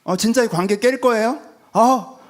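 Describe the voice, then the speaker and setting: A whiny, sulking believer, as a preacher puts him on, pleads and guilt-trips in a somewhat high voice. His tone is passive-aggressive, and his pitch swings up and down a lot. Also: huge pitch swings, normal speed, creaky, slightly rough, heavily acted. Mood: sulky pleading. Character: sulky adult male believer bargaining with God.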